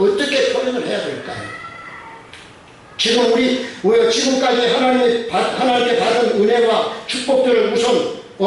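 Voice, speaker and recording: Male pastor, middle-aged, questioning sermon style, heard from a distance in a booming church hall with faint noise. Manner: asks the congregation many questions, repeats phrases. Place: church sanctuary. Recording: very echoey church hall from far off.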